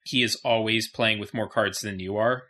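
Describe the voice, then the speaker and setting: A man's voice: lowish voice, fairly even intonation, moderate pace, bright, forceful tone. A man running a tabletop fantasy game as game master, narrating and explaining to players.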